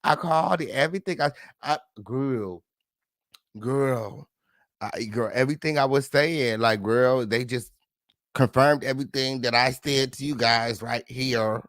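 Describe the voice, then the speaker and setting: A man hosting a celebrity gossip livestream, sassy and flamboyant, full of loud catchphrases, profanity and high, squealing laughs. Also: a little slow, no echo, clean studio sound. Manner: frequent high-pitched laughing outbursts. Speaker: gossip show host. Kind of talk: casual livestream commentary.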